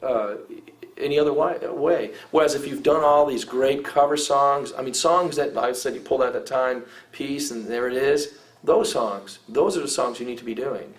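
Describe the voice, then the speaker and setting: Here a middle-aged rock vocalist offers advice during a casual interview, speaking at a normal pace in a medium-pitched voice. His delivery wanders, full of fillers like "you know" and "I mean," with frequent false starts.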